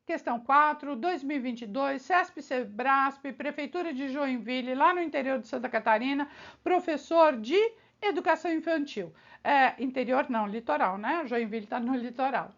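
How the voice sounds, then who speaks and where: A woman's voice: high voice, moderate pace, fairly bright tone, muffled recording. A woman teacher working through exam questions in a lesson, speaking straight to the viewer and checking in with many rhetorical questions. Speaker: teacher preparing students for civil service exams.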